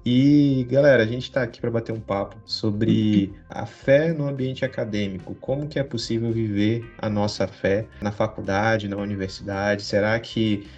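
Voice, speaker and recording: A man's voice: on the low side, steady tone, moderate pace, hardly any pauses, darkish tone, dull audio, soft background music. A man hosting a podcast in a slangy, joking, informal way. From Cariacica, Espírito Santo, Brazil. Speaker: podcast host. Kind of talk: casual, slangy chat.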